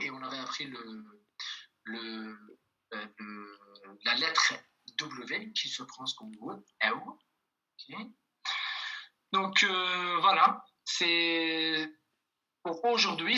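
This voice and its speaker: Slow, patient man teaching online. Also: a little high, expressive, pushed and bright, poor audio. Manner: patient, repeats each example, checks in with "ok?" and "voilà". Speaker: language teacher. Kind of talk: online language lesson.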